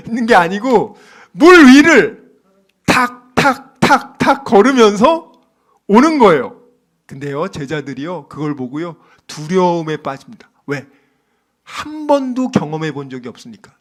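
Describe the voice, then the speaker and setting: A middle-aged pastor delivers an early-morning sermon in a high-pitched voice. He swings up and down in pitch as he fires rhetorical questions at his congregation. He acts out the scenes he describes with sound words. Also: a bit bright.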